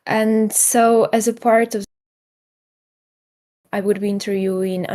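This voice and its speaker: A woman's voice: mid-range voice, level tone, mellow, no room sound. Woman on a live stream with uneven volume. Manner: halting, checking her connection. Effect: uneven volume, audio cutting in and out. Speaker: interviewer. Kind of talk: casual live-stream interview.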